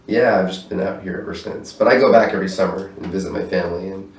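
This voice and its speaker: A man with a low voice talks quickly and loosely as a guest in a casual interview about his work as a stage manager. Sitting in his own apartment room, he swears freely and laughs a lot. His voice sounds distant from the mic, with a roomy echo.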